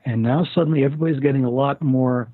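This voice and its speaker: A man's voice: mid-range voice, fast, dry recording. An older man talking as a guest, telling stories at length with many fillers and restarts. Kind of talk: casual interview talk. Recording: tinny phone-line sound.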